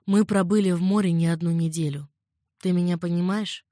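A woman's voice: on the low side, steady tone, brisk, warm tone, dry recording, studio quality, lightly acted. A woman reading an audiobook, voicing a confident young male sea captain who speaks in a friendly, assured way.

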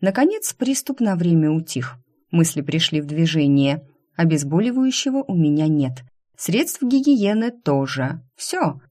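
A woman narrating a first-person novel as an audiobook, with a wry, expressive reading. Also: deep voice.

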